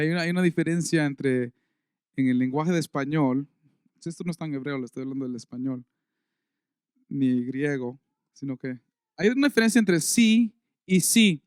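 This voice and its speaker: A pastor preaching a conversational sermon in a church service, reading scripture aloud with rising emphasis. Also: male voice, a little high, smooth, dry recording, clean studio sound.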